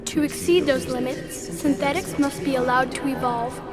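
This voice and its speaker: In a video game cutscene, a woman voices an ancient machine intelligence that is calm and superior, and her acting is light. Her voice sits high, and she speaks in a measured, formal, detached and didactic way, sounding cold and certain. Loud game music plays behind her.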